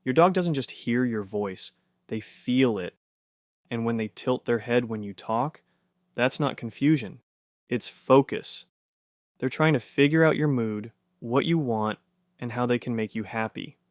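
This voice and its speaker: A man giving scripted narration for an explainer video, punchy and conversational with quick rhetorical questions. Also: mid-range voice, no room sound, clean studio sound.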